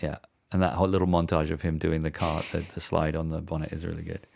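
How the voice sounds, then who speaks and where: Host, male, low gravelly voice, easygoing film-chat delivery. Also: fast talker, slight background noise. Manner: relaxed, leads the segments. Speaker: podcast host. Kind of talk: casual film discussion.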